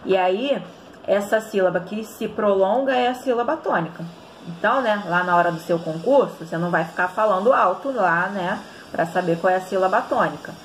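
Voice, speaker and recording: A woman's voice: medium pitch, normal speed, slight background noise. A woman with a Brazilian Portuguese accent teaching an online grammar lesson, explaining step by step and often checking in with the students.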